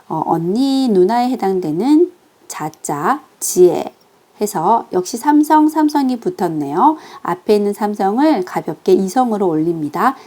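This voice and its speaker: A woman teaching a recorded online language lesson, patiently walking through pronunciation with slow, careful demonstrations. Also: medium pitch, warm tone.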